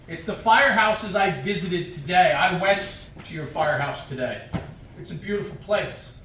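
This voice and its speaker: An American man in his forties, his voice fairly high and a bit bright, delivers an emphatic motivational speech at a fire department event, hammering on short, repeated phrases. He's in a large, very echoey hall before an audience, picked up by a distant mic with slight background noise.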